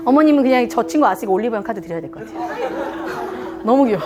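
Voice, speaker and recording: A woman's voice: fairly high pitch, animated, quick pace, dull audio, music in the background, crowd noise. A woman giving a live lecture to parents on communication styles, playful, often laughing and acting out what people say. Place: lecture room with a live audience.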